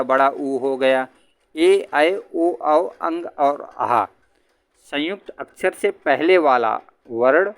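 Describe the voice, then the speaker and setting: A man teaching an exam-prep grammar lesson. He puts questions to his students and answers them himself, and he chants verse lines slowly. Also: a little high.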